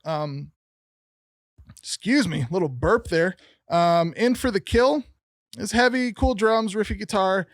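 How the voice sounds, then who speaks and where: A man's voice: sits high, a little slow, long pauses, dry recording, clean studio sound. A young man co-hosting a casual album review podcast, rambling with lots of "um" and "like" fillers. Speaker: podcast co-host.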